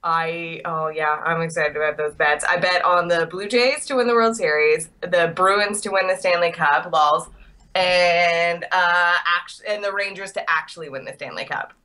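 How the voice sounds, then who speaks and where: A woman's voice: lowish voice, normal speed, sharp tone, clear, resonant tone. A woman hosting a casual sports podcast chat, teasing her co-hosts playfully. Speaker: podcast host.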